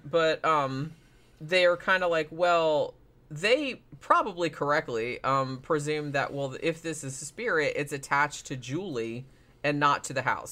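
A man's voice: fairly high pitch, sharp tone. Rambling casual man with constant fillers. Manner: rambling, heavy on fillers and swearing. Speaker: podcast host. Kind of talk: casual retelling of a paranormal TV episode.

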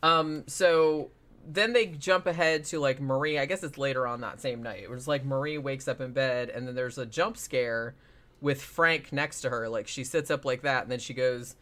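A man's voice: medium pitch, normal speed, a bit bright. A man casually retelling a paranormal TV episode as a podcast host, rambling with lots of fillers and swearing.

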